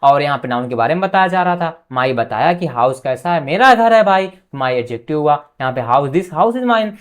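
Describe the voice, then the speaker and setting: A male teacher giving an exam-prep grammar lesson. He asks the class a quick question and answers it himself, dropping softly on each answer word. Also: a little high, expressive, clean tone. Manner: quizzes students with quick questions, then answers them himself.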